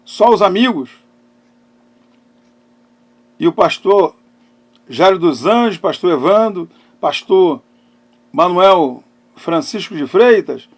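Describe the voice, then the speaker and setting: A middle-aged pastor's notably high-pitched voice carries some vocal fry as he preaches through personal testimony. Phrases are placed emphatically, with dramatic pauses and moves between loud stress and hushed tones. He is a pastor and therapist hosting a live talk.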